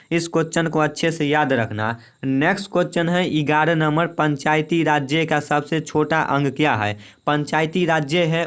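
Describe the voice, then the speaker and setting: Clear-voiced young man drilling quiz answers. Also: a little high, fairly bright tone. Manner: repetitive, drilling each answer with "remember it well". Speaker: exam-prep teacher. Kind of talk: quiz lesson reading questions and options.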